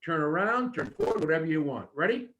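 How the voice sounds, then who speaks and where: A man's voice: fairly high pitch, lively intonation, fast talker, a bit bright, dull audio, a little hiss or hum. A man coaching wrestling promos with emphatic, short instructions and demonstrated lines.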